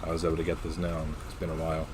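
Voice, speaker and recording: A man with a low voice talks through a casual review. His delivery is unscripted and matter-of-fact, often halting as he looks for the next word. There is clear noise behind his voice throughout. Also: completely flat delivery. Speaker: pipe tobacco reviewer.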